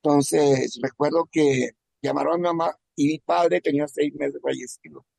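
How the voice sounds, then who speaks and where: A man from Venezuela telling a personal testimony in a halting, emotional way, often repeating words. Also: on the high side, fairly even intonation, gravelly, darkish tone, no echo. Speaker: testimony speaker.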